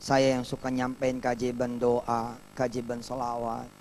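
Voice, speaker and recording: A male preacher giving a televised sermon as a story, moving from hushed telling to fervent exclamation. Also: medium pitch, completely flat delivery, a little slow, a little hiss or hum.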